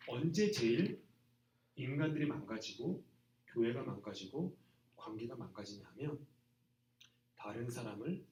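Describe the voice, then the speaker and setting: A man preaching a sermon to students in a plain, conversational way, often dropping to a soft trailing voice at the ends of phrases. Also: mid-range voice. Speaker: pastor. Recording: echoey hall from a distance.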